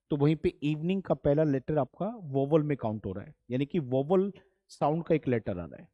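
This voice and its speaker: A man's voice: a little high, mellow, no echo, clean studio sound. Patient Indian man teaching grammar. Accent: Indian English. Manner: patient, repeats key points, addresses students as children. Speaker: English teacher. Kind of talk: classroom-style grammar lesson.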